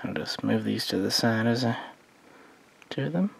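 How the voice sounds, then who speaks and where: A man giving a relaxed, meandering spoken overview of his collection of model starships, thinking aloud as he goes. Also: mid-range voice, a little slow, gravelly, breathy edge. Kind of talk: casual hobby overview.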